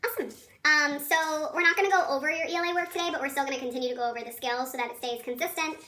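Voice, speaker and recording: A woman with a squeaky, helium-like chipmunk voice teaching children in a chatty, encouraging, informal video lesson. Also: steady tone, racing, sharp tone, slight background noise. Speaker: elementary school teacher.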